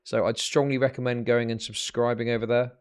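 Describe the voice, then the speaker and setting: A man's voice: mid-range voice, little pitch movement, brisk, clean tone. A man hosting a livestream, telling rambling, profane stories in casual chat that build into exasperated rants. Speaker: livestream host.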